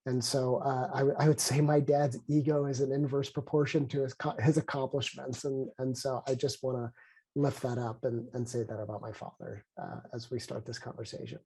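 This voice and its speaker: Stuffed up with a head cold, a man opens a webinar conversation over video call as its co-lead, a sociologist. His mid-range voice is creaky, husky and dark, delivered flatly but earnestly with halting restarts, and the recording quality is low.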